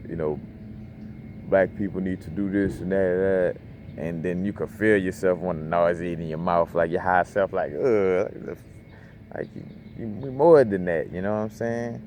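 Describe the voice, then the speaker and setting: Deep-voiced man, loose slangy spiritual talk. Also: a little mellow. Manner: loose, rambling, slangy, lots of "you know what I'm saying". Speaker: crystal channel host. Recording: noisy background hum.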